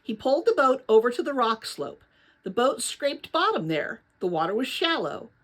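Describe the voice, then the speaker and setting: A woman narrates a children's novel aloud with dramatic, expressive storytelling. Her voice is fairly high and moves at a moderate pace.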